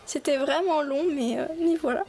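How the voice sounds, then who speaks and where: A young woman with a high voice talks through a clay craft tutorial in a relaxed, chatty way. She keeps stopping to fill gaps and restart her sentences as she goes. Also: moderate pace. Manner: chatty, many fillers and restarts. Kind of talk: casual voice-over tutorial.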